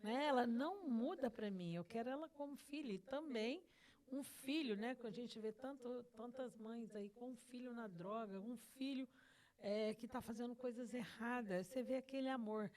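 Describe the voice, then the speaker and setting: A woman's voice: fairly high pitch, moderate pace, darkish tone. Earnest middle-aged woman telling her testimony. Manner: earnest, repeats phrases for emphasis; acts out her own past words to God. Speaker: host sharing her testimony. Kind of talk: emotional personal testimony in conversation.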